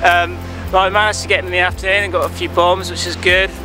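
Surfer host, thirties, slightly high voice, relaxed rambling talk to camera outdoors with music behind. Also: male voice, fast, poor audio. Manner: relaxed and rambling, lots of ums and likes. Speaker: big-wave surfer and vlogger. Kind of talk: casual piece to camera. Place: outdoors on a clifftop by the sea at dusk. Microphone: camera close-up.

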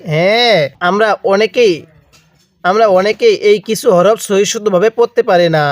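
Man, Bangladeshi Bengali accent, Quran reading teacher, patient call-and-repeat drills, high voice, dry close sound. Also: no room sound. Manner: patient, repeats each letter slowly and asks the viewer to read along. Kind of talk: slow recitation lesson with call-and-repeat drills.

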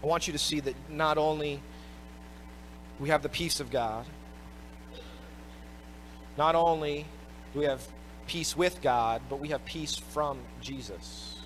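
A man pastor preaching a sermon, expressive, swinging between loud emphatic bursts and quiet low phrases. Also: unhurried, long pauses, a little hiss or hum. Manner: expressive preaching, rising and dropping in pitch and volume.

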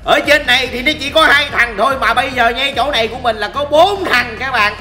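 A man's voice: very high-pitched, brisk, pushed and bright, faint music behind. A man with a Southern Vietnamese accent giving joking, chatty commentary over a game he is playing live, teasing opponents and talking to viewers. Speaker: gaming streamer.

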